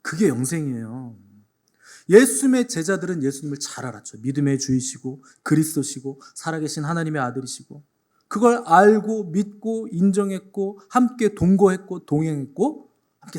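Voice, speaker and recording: Preaching to his congregation on a Sunday, this pastor has a somewhat high voice with a darkish tone. He drives points home by repeating key phrases and mixes in humor.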